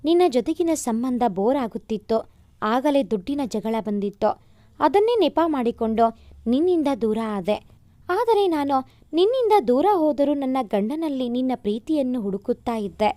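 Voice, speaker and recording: Woman narrator voicing a remorseful young woman, soft apologetic letter read, warm tone. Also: high-pitched, lively intonation, moderate pace, no echo.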